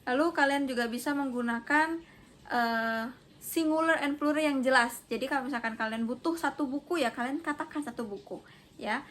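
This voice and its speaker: High, bright-voiced Indonesian woman teacher. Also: slight background noise. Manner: slow, careful, repeats "ya" to students. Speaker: English teacher. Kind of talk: classroom teaching.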